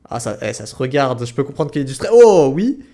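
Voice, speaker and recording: A male esports caster with a mid-pitched voice gives live play-by-play of a game. He talks in casual slang, throws in exclamations and mutters words over and over when it gets tense. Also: fairly even intonation, rapid-fire. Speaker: esports caster commentating a tournament stream.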